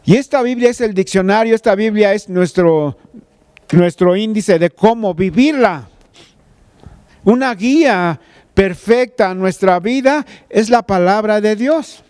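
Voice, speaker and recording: A man's voice: sits high, unhurried, a little mellow, clear, resonant tone. A man preaching a sermon, retelling a scripture story in a conversational way and speaking straight to the listener. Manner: addresses listener directly as "tú". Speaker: pastor.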